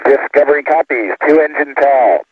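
A man speaks in clipped, flat bursts over a crackly spacecraft radio link that sounds like a sci-fi communicator. His voice is husky and breathy and sits in a middle register. The transmission is lo-fi and muffled, and the sound is dry and close with no room around it. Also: on the high side, moderate pace, dry recording. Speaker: shuttle crew member. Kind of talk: terse radio callouts.

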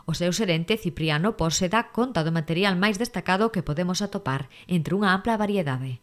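A woman with a rather low voice reads a news report from a script. Her delivery is even and measured, in the manner of local television news.

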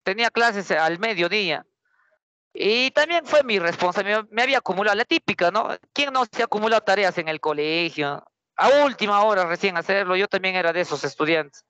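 A young man teaching a class, his voice pitched high and sounding bright and sharp, very close and dry. He speaks with a Peruvian accent and tells an anecdote in a lively, chatty way, often stopping to put rhetorical questions to his students. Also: brisk, dry recording. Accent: Peruvian Spanish.

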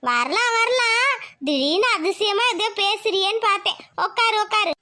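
Woman voicing a chatty cartoon aunt: very high and bright. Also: moderate pace. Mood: teasing. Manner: teasing, talkative. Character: chatty middle-aged village aunt who weaves brooms.

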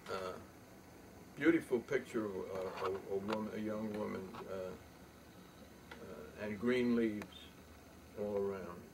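An older man telling a story in a rambling, halting way, with many pauses and fillers. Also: lowish voice. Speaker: show host. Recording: distant mic with faint room noise.

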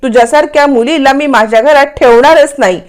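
A woman's voice: high voice, fairly quick, close to an everyday voice. Scornful mother-in-law, read by a woman. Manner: contemptuous, scolding.

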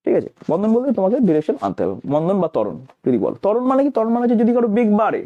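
A man's voice: high voice, huge pitch swings, racing, narrow, tinny audio. A male physics teacher, lecturing emphatically and answering his own questions as he explains. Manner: mixes English terms into explanations.

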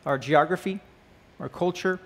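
A man in his thirties, with a voice somewhat high for a man, teaches a church class from an indoor stage with band gear, speaking at normal speed. The lesson begins with an opening prayer. His talk is loose and friendly, packed with questions to the group and frequent "right?" and "uh."

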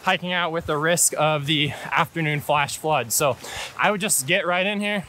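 A bright-voiced, slightly high-pitched American man in his twenties, a hiking and photography guide, explains things casually for his vlog. He stands in a canyon by rushing water, recording on an action camera at arm's length, with hiss and loud water noise behind him.

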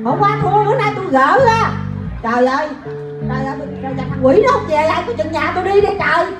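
Lady doing a bossy chatty southern vietnamese daughter, high voice, echoey stage with music. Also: lively intonation. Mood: flustered. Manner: rapid, fussing and exclaiming. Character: bossy, chattering daughter who overworks her mother.

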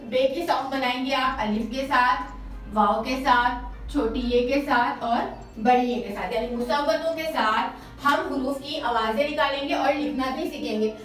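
A woman teacher gives a children's lesson, patiently repeating each sound loudly for pupils to copy. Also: high-pitched, measured pace. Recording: very echoey room, distant mic, faint music.

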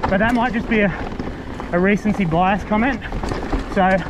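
A high-voiced man talks at a moderate pace while mountain biking on a bushland trail outdoors, giving loose, relaxed, broken-up remarks about his gear. The sound comes from an action camera he wears, so it's muffled and full of loud wind and trail noise.

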